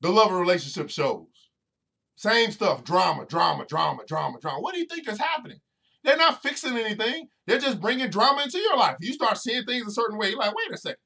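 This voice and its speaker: Here a financial educator hosts a motivational podcast, his voice sitting high with big pitch swings, brisk, creaky and sharp in tone. He addresses listeners directly in a preaching style, repeating phrases repeatedly for emphasis.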